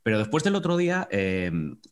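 A man's voice: fairly low pitch, very animated, moderate pace. A man interviewing a football coach, a sports journalist asking long questions that stumble and repeat themselves.

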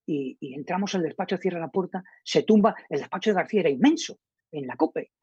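Husky middle-aged guy with a spain accent, telling a story and playing out the quotes, dull dry sound. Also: high-pitched, fast talker, no room sound. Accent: Spain Spanish. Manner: animated storyteller acting out quoted dialogue. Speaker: radio journalist guest. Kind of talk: casual anecdote telling.

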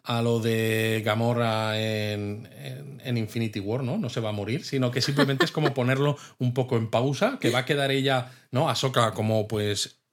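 A man talks through a TV episode with his co-host. His delivery is casual and considered, and he often checks in with a quick tag question. His pitch sits in the middle range. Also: steady tone. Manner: thoughtful, with frequent tag questions. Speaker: podcast co-host. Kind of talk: casual chat reviewing a TV episode.

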